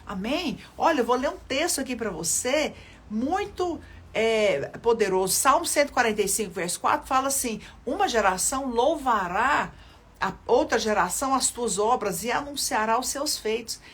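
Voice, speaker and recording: A woman's voice: a little high, expressive, moderate pace, breathy edge. Older woman preaching earnestly on a livestream. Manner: earnest, repeats phrases for emphasis, speaks to viewers directly. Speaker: children's ministry leader. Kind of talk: livestream sermon with testimonies.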